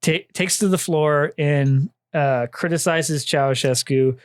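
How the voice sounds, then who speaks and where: Podcast co-host, man, slightly high voice, dry close sound, chatty history storyteller who swears freely. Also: slow pace, clear, resonant tone, no echo. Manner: loose and chatty, lots of fillers, swears freely. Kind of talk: casual history podcast narration.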